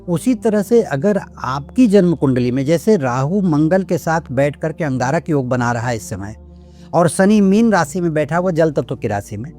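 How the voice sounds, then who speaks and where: Older man, astrologer, lecturing explainer talk, fairly high voice, faint music behind. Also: a little mellow. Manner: lecturing, lists points one by one.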